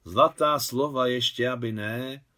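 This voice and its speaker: A man reading the part of a joyful older mother in a novel, with emphatic, animated delivery. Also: mid-range voice.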